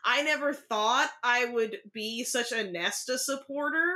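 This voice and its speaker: A woman with a bright, fairly high voice co-hosting a casual book podcast. She chats in a halting way, restarting her sentences as she retells scenes. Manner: chatty, halting with fillers and restarts. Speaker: podcast co-host.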